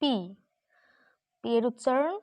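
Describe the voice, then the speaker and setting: A woman leads a phonics lesson, drawing out each letter sound as she models it. She speaks slowly and deliberately, in a somewhat high voice. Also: darkish tone. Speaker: teacher.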